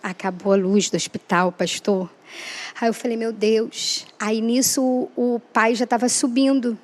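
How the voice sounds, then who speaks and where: A woman's voice: fairly high pitch, steady tone, a little slow. A woman guest giving an emotional personal testimony, earnest and acting out the dialogue she recalls. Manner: earnest, re-enacts dialogue, frequent "né?".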